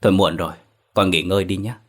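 A man voicing a frail, timid mother who speaks softly and hesitantly. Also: low voice, steady tone, fast talker. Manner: soft, hesitant.

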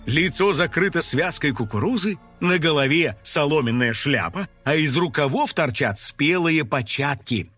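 Husky man narrating a children's story. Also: fairly high pitch, moderate pace, hardly any pauses, soft background music. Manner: animated, acting out the story.

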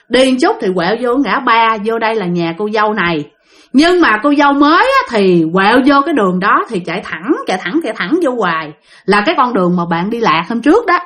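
A woman's voice: on the high side, a bit bright. A woman telling a ghost story in a casual, chatty way, addressing listeners directly.

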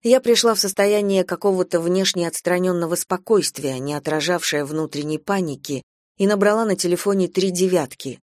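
A woman's voice: fairly low pitch, a little fast, darkish tone, no echo. Dry-voiced woman reading an audiobook. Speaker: audiobook narrator. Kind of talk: first-person audiobook narration.

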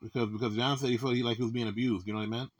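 Man, rapid talker, middle pitch, stammering restarts, repeats his questions, casual conversation. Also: steady tone. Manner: repetitive, keeps asking "you know what I meant?"; halting, many restarts and stammers. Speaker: son talking with his mother.

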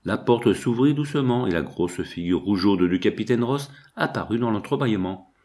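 Low-voiced male audiobook narrator. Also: animated, moderate pace, mellow.

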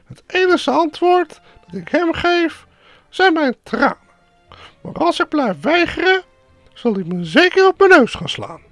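A man voicing a tearful, complaining young princess in a high falsetto, as part of a told fairy tale. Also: big pitch swings, measured pace, fairly bright tone, no room sound, faint music behind, exaggerated voice. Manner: tearful pleading, rambling complaint. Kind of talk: storytelling with put-on voices.

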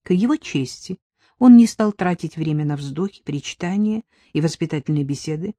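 A woman reading an audiobook in a measured, expressive way. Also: low voice, no echo, clean studio sound. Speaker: audiobook reader. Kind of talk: scripted narration.

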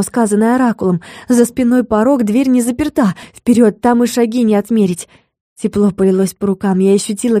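Woman reading a fantasy audiobook, mellow low-toned voice, dead dry close mic. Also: no echo. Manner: measured, even storytelling. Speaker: audiobook narrator. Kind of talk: scripted audiobook narration.

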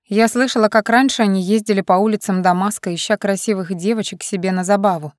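A woman's voice: medium pitch, fairly even intonation, quick pace, no room sound, clean studio sound, lightly acted. A woman reading the part of a curious, outspoken young female journalist, earnest and questioning.

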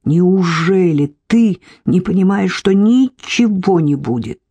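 Woman reader plays tired, guilty man; low, curt, husky delivery. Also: expressive, slow pace, mellow, heavily acted. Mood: cold. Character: weary guilt-ridden man, curt and cold. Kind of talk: audiobook character reading.

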